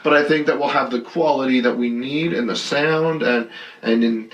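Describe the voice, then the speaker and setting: A man's voice: medium pitch, fairly even intonation, normal speed, a bit bright, lo-fi sound. A young man, co-hosting a casual podcast chat and telling stories animatedly, acting out quotes with laughs. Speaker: podcast co-host.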